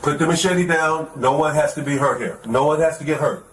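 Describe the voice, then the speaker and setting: Cop guy talking someone down, steady and repetitive, slightly high voice, echoey bodycam sound with some noise. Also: brisk. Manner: calm, insistent, repeats pleas. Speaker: police officer negotiating. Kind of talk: crisis negotiation. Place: inside a building. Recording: echoey body camera audio with background noise.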